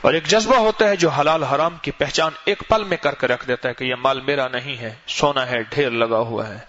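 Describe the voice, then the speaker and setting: At a mosque gathering, a man preaches a sermon built on stories, his voice swinging dramatically up and down. The audio is lo-fi and muffled, carrying a faint noise.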